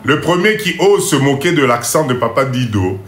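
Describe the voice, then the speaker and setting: Man teaching a live class, bright tone, roomy echo, repeats each point slowly. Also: medium pitch, sing-song, a little hiss or hum. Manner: slow, repeats each point and checks the audience; mixes in Lingala phrases and jokes about his English. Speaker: trainer of a live import-export class. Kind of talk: live online lesson.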